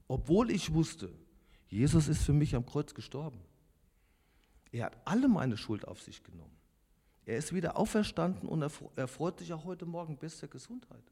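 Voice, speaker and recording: A man's voice: a little high, vocal fry, warm tone, husky. A man in his fifties giving an earnest, confessional personal testimony to a congregation, speaking directly to his listeners. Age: 50s. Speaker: lay preacher giving testimony. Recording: long hall reverb.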